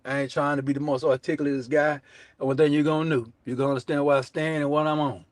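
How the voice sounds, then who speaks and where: A show host from the southern United States, speaking with a Southern accent, delivers casual political commentary that is brash, profane, and slangy, repeating his catchphrases. His voice is on the high side, flat and fast, with no echo.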